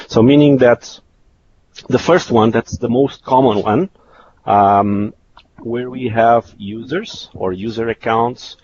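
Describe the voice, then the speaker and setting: A man's voice: on the low side, darkish tone. A man giving a technical webcast presentation, explaining slides in a hesitant, repetitive way. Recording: dull lo-fi webcast audio with hiss.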